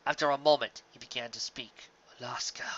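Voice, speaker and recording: The lo-fi recording captures a man telling scripted fiction in a dramatic, forceful style, his mid-range voice swinging from loud to hushed at a normal speed.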